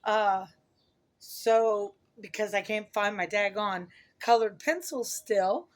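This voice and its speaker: Casual female vlogger, middle-aged, hoarse voice, mid-range pitch, loose unscripted rambling. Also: takes it slowly. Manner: rambling, self-correcting, chuckles at own remarks. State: hoarse from a lot of talking. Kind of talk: casual chat to camera.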